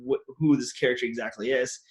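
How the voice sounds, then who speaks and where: Fast-talking, with a mid-range voice and fairly even intonation, this actor hosts a casual interview show. His acting anecdotes come out rambling and loose, stuffed with "like" and restarts.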